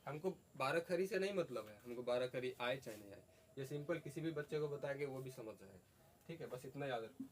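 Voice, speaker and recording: A man's voice: mid-range voice, lively intonation, brisk. A man teaching a class, asking the students questions and repeating their answers. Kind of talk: classroom lesson. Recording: faint background noise.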